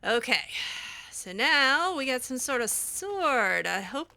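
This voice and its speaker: Slow and sharp-toned, with a high voice and big pitch swings, a woman hesitantly thinks out loud while playing a role-play game in character. It's commentary on her playthrough, delivered as the character.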